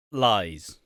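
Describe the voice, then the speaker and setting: A man from the United Kingdom co-hosts an informal podcast about a TV soap, swearing freely and performing characters' lines. His medium-pitched voice is bright and forceful. The studio-quality recording has no echo.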